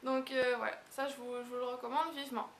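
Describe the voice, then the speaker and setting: A woman's voice: high voice, little pitch movement, quick pace. A woman casually reviewing makeup products in a chatty, rambling, hesitant way. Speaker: beauty vlogger. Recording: echoey room with hiss.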